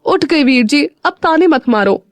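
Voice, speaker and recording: A woman's voice: medium pitch, very animated, takes it slowly, dry recording. A woman voicing a spirited young woman who sulks and whines playfully at her family. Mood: sulky. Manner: girlish pouting whine.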